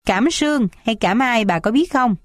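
A woman voicing a stern, irritable old village patriarch in an audiobook, gruff and scolding. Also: on the high side, lively intonation, moderate pace, no echo, clean studio sound, close to an everyday voice. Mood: angry.

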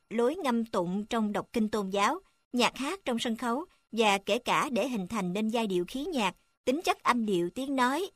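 A woman reading a music textbook aloud in an even, formal manner, announcing each section number. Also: on the high side, dry recording. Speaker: narrator reading a text on music.

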